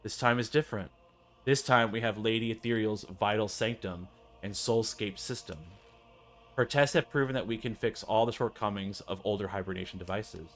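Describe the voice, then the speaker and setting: A man voicing a confident young male scientist from a video game, speaking in a measured, formal, persuasive way. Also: on the low side, fairly bright tone. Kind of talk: video game character dialogue read aloud.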